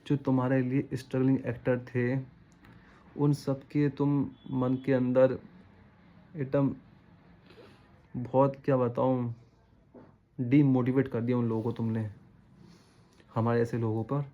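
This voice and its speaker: A man's voice: mid-range voice, little pitch movement, measured pace, pauses often, phone-quality sound. A man delivering a casual, rambling opinion rant to his viewers, scolding and disappointed, often repeating himself. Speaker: vlogger.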